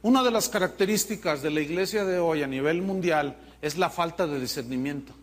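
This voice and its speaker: A man preaching a sermon as pastor, in an animated, mocking way. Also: on the high side, a little fast.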